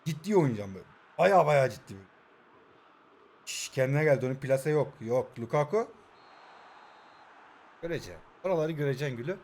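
Excitable young man commentating his game. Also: on the high side, quick pace, pauses often. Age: 20s. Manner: excitable, shouts at players, mutters asides. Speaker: mobile football gamer. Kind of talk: live gameplay commentary.

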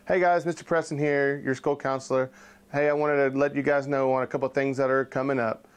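A man's voice: mid-range voice, flat delivery, a little fast, clear, resonant tone. A man, a school counselor, reading announcements with friendly, direct address to students.

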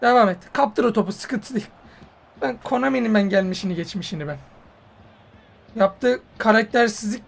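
A man commentating on his own football video game match, yelling and swearing at the game when it goes wrong. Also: high voice, moderate pace, gravelly, pauses often. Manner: hot-tempered, swears and yells at the game. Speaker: gaming YouTuber.

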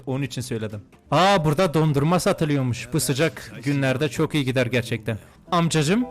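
A young man giving crude, joking commentary while playing a video game, swinging between muttered remarks and mock-outraged shouting. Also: medium pitch. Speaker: gaming YouTuber. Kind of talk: comedic let's-play commentary.

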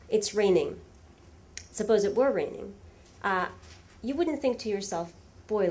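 Lecturing from a lectern in a big hall, a woman whose first language is Russian keeps things lively with many fillers and rhetorical questions aimed at listeners. Her voice is mid-range, and a slight hiss or hum runs under the recording.

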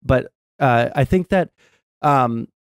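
A young adult man hosting a stream, explaining his political views casually in a measured, halting way. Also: mid-range voice, smooth, no echo, studio quality. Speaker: streamer host. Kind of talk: casual political discussion over a game stream. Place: small indoor streaming room. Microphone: close desk mic with headset.

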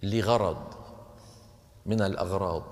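A man teaching Quran recitation, explaining points with questions to his class and chanting verses slowly. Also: deep voice, darkish tone, long reverb tail. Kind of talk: recitation lesson with chanted examples.

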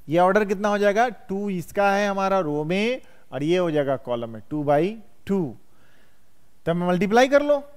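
Male math teacher, high and clear, classroom lecture full of questions to students. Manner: quizzes students constantly, calls them "बउआ".

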